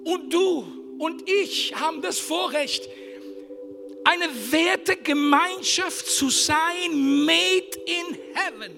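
High-pitched preaching man over music. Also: slow pace, gravelly. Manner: emphatic preaching, swinging between shouts and hushed whispers. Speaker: pastor. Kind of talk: sermon. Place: church service.

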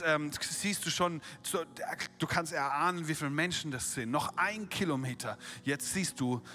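A man preaching a sermon, retelling a Bible story with lively acted-out quotes and direct rhetorical questions to the listener. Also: on the high side.

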